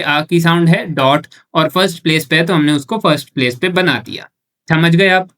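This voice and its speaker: A man's voice: sits high, sharp tone. Male tutor, repetitive and patient, classroom explainer who answers his own questions. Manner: asks rhetorical questions and answers them himself; repeats each point patiently, often checking with "okay". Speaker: shorthand teacher.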